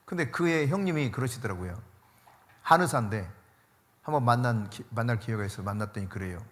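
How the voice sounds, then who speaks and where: A man's voice: medium pitch, animated, fairly quick, a bit bright. A male pastor preaching a sermon in a conversational way, stressing points by repeating key words. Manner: conversational, mixes casual and polite speech.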